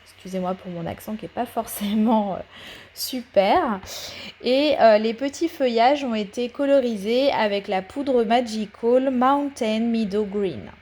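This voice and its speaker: Her voice is on the high side with a darkish tone as she walks viewers through a paper craft project in voice-over. Each step gets a patient explanation, though she's hesitant and full of pauses and fillers.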